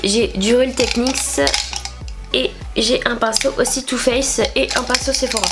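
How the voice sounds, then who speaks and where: A young French beauty vlogger with a cold talks through a makeup tutorial in a fairly high, steady, slightly slow voice, her nose stuffy and her tone nasal. She chats and rambles casually, filling the gaps with lots of fillers. The recording is very noisy.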